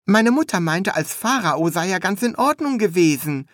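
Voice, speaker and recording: A man's voice: high voice, animated, moderate pace, a bit bright, no echo, clean studio sound, voice pushed up. A man voicing an eager, chatty young male apprentice who asks naive, curious questions.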